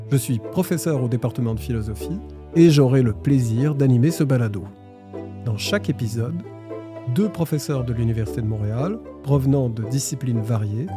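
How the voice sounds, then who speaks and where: A man hosting an academic podcast, asking questions in a measured, formal way. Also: medium pitch. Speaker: podcast host. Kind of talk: academic interview.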